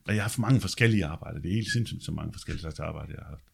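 A man with a deep bass voice telling his life story in a casual, chatty way. He tags his sentences with quick check-ins and swears now and then. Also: creaky, breathy edge.

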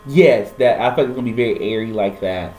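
A man's voice: medium pitch, quick pace, a little mellow, reverberant, a little hiss or hum, poor audio. A man co-hosting a casual music news chat, jokey and playful.

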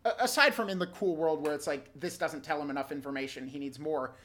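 A woman co-hosting a casual anime recap podcast, animated and mock-indignant, laughing often and swearing freely. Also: sits low, fast talker. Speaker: podcast co-host.

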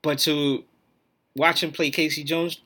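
A man's voice: a little high, level tone, unhurried, bright, forceful tone, slightly rough. A man hosting his own podcast, talking alone in a blunt, profane, opinionated rant. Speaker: podcast host.

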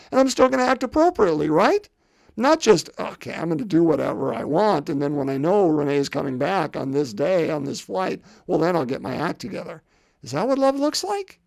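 A pastor in his fifties preaches a sermon in a fairly high voice heavy with gravel. His delivery is conversational, full of repeated words and rhetorical questions aimed at the congregation. The recording is close and dry.

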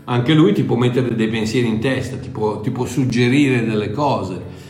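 A man's voice: medium pitch, moderate pace, darkish tone, soft background music. Echoey older man preaching informally. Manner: emphatic repetition, self-correcting, conversational. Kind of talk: informal sermon, teaching directly to listeners.

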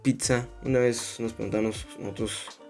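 Rambling young podcast host. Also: male voice, medium pitch, fairly even intonation, moderate pace, a little mellow, soft background music. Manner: rambling, crude slang, self-mocking. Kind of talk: casual monologue.

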